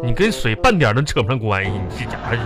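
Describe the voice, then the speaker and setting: A man plays the put-upon husband in a comedic couple skit. He stammers, grumbles and defends himself in a mid-pitched voice that rises and falls a great deal. Faint music runs under him. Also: sing-song, racing. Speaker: comedic sketch performer.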